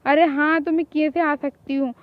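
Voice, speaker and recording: A woman's voice: high voice, fairly even intonation, moderate pace, no echo, lo-fi sound, natural voice. A woman voicing a feisty young woman who is a devoted boy-band fan, talking in a scolding, defiant way in a hobby fan drama.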